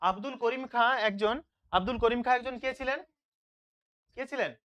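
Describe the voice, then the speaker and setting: Smooth-voiced teacher quizzing a class. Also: medium pitch, a little fast, a bit bright. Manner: asks questions and answers them himself, checks with "তাই তো?". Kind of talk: online live class, question-and-answer revision.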